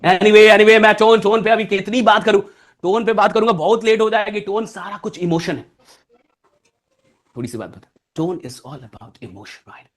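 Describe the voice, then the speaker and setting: A man from India giving a motivational public speaking masterclass, animated, swinging between loud and soft and often asking "right?". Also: sits high, normal speed.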